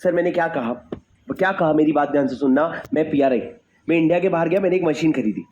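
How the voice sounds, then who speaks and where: High-pitched emphatic male teacher. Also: fast, a little mellow, muffled recording. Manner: emphatic, repeats questions, calls on students. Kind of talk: classroom lecture. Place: classroom with students.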